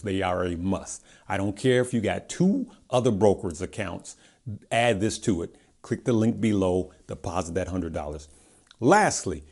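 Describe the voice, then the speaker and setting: An American man with a fairly low voice speaks casually to his online audience. His words come out a bit garbled, as he has stitches in his mouth after dental surgery. He stays emphatic and familiar, often repeating a phrase to drive it home. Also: darkish tone. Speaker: investing video host. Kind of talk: casual direct-to-audience vlog talk.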